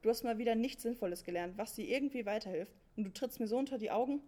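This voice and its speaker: A woman's voice: on the high side, fast, dark tone, close to an everyday voice. A woman voicing an angry count scolding his son in crude slang.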